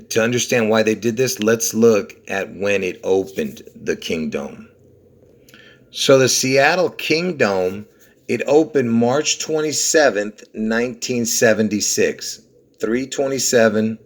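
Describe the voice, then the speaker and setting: A man from Lebanon hosting a video, walking viewers through numbers in a rambling, insistent way, often checking "okay?" and "you see?". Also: fairly low pitch. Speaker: video host. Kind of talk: conspiracy numerology video walkthrough.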